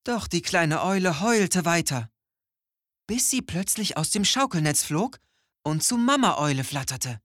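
A storyteller reading a children's story aloud in a slow, expressive way. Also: medium pitch, no echo, studio quality.

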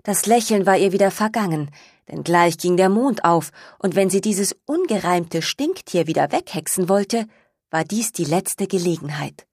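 A woman narrating a children's storybook in a calm, gently expressive reading voice. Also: fairly low pitch, moderate pace, breathy edge, dry recording, clean studio sound.

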